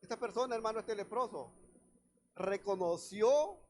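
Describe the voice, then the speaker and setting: Pastor guy preaching, really high voice, reads the bible then explains it, faint hiss behind. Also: lively intonation, normal speed. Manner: preaches directly to the congregation, often calling out "hermano". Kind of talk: sermon.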